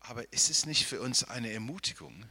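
A man's voice: mid-range voice, fairly quick, pushed and bright, slightly rough. A man preaching a Bible-teaching sermon, often asking the listeners rhetorical questions and checking in with "ja?" as he thinks aloud. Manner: thinks aloud, with restarts and hedging.

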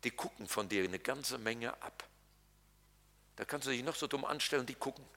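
A man's voice: mid-range voice, normal speed, creaky, bright, forceful tone. A man preaching a sermon as pastor, colloquial and jokey, talking straight to his congregation. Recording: reverberant hall.

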